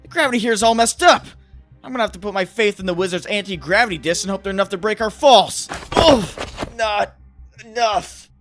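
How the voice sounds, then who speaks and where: A man playing an earnest, quippy young superhero in a comic dub, wry and animated as he talks to himself. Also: high voice, a little fast, faint music behind. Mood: dazed, wry.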